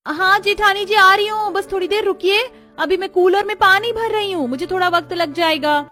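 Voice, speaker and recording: A woman's voice: very high voice, moderate pace, bright, forceful tone, pitched above the performer's own voice. A woman doing a nervous, stammering young bride. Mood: flustered. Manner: stammers when caught out.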